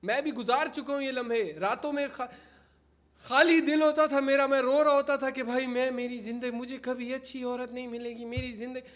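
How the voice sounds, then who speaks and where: A man's voice: very high-pitched, level tone, fairly quick, fairly bright tone. A young man livestreaming in casual chat, mixing English phrases into Hindi while he keeps pleading with his viewers to stop laughing. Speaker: livestreamer giving advice to chat.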